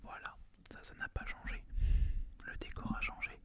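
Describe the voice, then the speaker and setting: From his little student apartment, a young man from France whispers to ASMR viewers. His manner is deliberate and calming, with soft repetition of phrases and a breathy tone.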